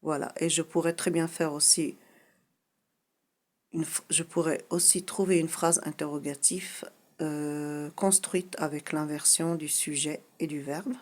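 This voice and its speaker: A woman teaching a French grammar lesson, explaining patiently and repeating her key points, often pausing on "voilà". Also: deep voice, steady tone.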